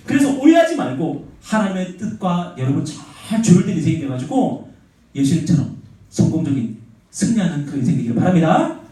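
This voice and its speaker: A man's voice: fairly high pitch, brisk. A male youth pastor preaching to teenagers. He acts out conversations with God and keeps asking his listeners questions. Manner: animated, acts out dialogues with God, asks the audience questions. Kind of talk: sermon to high school students. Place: church sanctuary. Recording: echoey church hall from far off.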